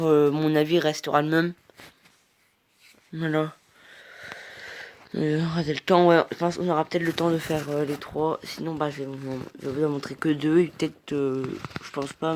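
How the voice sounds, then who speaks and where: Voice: mid-range voice, darkish tone. Rambling mobile gamer commenting on play. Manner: rambling, hesitant, reacting aloud to the game. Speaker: mobile game player. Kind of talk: casual gameplay commentary.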